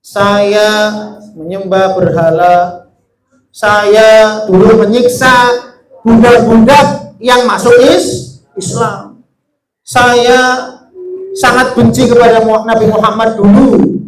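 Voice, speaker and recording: A remorseful convert laughing at how foolish he once was, as a male teacher voices him. The voice sits very high, with a lilt, and echoes around the room. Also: fairly even intonation, takes it slowly, long pauses. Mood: rueful. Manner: self-mocking, storytelling. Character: remorseful early convert mocking his own past folly.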